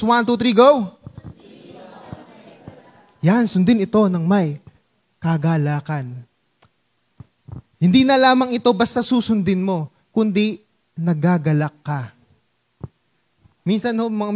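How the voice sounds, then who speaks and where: A Filipino man preaching a sermon to his congregation in a playful Taglish style, acting out small scenes. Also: sits high. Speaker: pastor.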